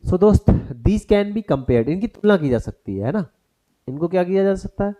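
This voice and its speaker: A man's voice: high-pitched, lively intonation, normal speed, mellow. A man teaching a grammar lesson for exam prep, who turns each point into a question for the class and mixes English terms into his explanation.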